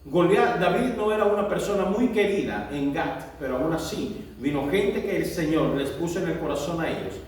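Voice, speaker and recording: A man preaching a sermon in a high-pitched voice, heard from some distance off the microphone. His delivery swings between loud, drawn-out proclamation and low, quick asides. The church hall around him echoes heavily. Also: animated. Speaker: pastor.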